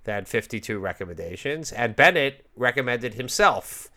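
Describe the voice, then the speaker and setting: Bright-voiced male talk show host. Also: medium pitch, expressive, normal speed. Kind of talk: conversational broadcast interview about politics.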